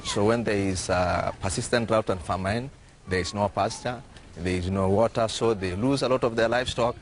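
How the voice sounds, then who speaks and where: A man's voice: lowish voice, moderate pace, a little hiss or hum. A man with a Kenyan accent explaining things as a health worker in an on-location interview.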